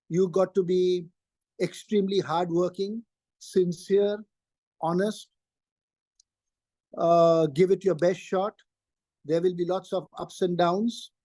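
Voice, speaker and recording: Older man, interview guest; high, mellow tone, emphatic and repetitive, dry close sound. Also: dry recording. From Pakistan. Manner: emphatic, repeats key phrases. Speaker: interview guest, trainer and career coach. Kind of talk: interview answers.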